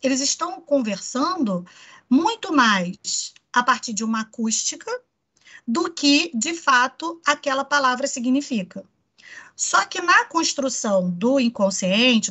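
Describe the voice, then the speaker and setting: A woman's voice: high voice, expressive, moderate pace, pushed and bright. A woman with a Brazilian accent, giving a psychoanalysis lecture in an explanatory way, often checking in with the listener. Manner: explanatory, frequent tag questions "né". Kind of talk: online lecture.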